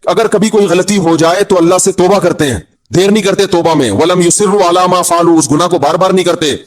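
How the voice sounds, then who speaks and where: A middle-aged man preaching a sermon with a Pakistani Urdu accent. His voice sits a little high for a man, and he mixes teaching with joking asides. He often drops into mock voices to act out the people he describes. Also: fast, darkish tone. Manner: humorous, mimics people in low voices. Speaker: Islamic preacher.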